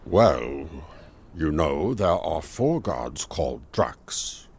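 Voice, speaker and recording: A wise male mage in a game cutscene, calm and patient. His voice is very low and husky, with lively swings of pitch. He explains in a measured, steady way. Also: heavily acted. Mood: explaining.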